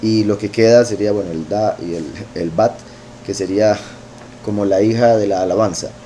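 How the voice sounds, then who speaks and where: A man, teaching scripture verse by verse in an unhurried way, thinking aloud with fillers and asides. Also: on the low side, steady tone, dark tone, slight background noise. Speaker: bible teacher.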